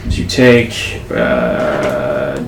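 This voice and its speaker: A man narrating as game master of a tabletop game, halting, with many fillers. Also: a bass voice, sing-song, gravelly. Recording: echoey room, faint noise.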